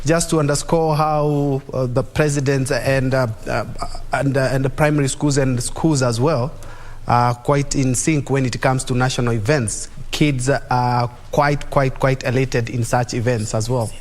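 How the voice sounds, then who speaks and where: A man giving halting live broadcast commentary. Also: mid-range voice, fairly even intonation, darkish tone, big-room sound.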